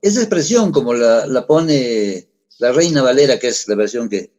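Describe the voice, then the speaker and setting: Middle-aged pastor preaching conversationally. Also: male voice, mid-range voice, animated, normal speed, a little mellow. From Peru. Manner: conversational preaching with rhetorical questions. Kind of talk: sermon.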